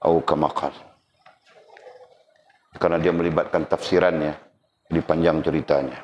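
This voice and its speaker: A man's voice: a bass voice, fairly even intonation, normal speed, darkish tone. A man giving a religious lecture, teasing and addressing his audience directly. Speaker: religious teacher. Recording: roomy, dull lo-fi, faint background noise.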